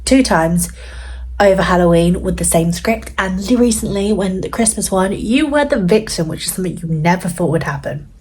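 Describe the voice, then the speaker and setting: A woman's voice: fairly low pitch, expressive, normal speed, a little mellow, slightly rough. A woman, chatting casually and reflectively as she replies to her younger self in a vlog. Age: 30s. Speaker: vlogger.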